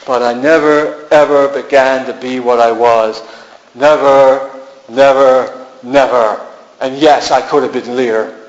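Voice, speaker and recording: A man's voice: medium pitch, fairly even intonation, normal speed, few pauses. A man giving a poetry reading in an art gallery, with a musing, incantatory delivery and repeated refrains. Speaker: poet. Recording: echoey room, dull lo-fi sound.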